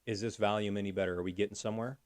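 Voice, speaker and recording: A man's voice: lowish voice, fairly even intonation, very fast, a little mellow, no room sound. A man hosting a casual livestream, chatty, thanking viewers by name and talking through fixing his audio. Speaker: livestream host.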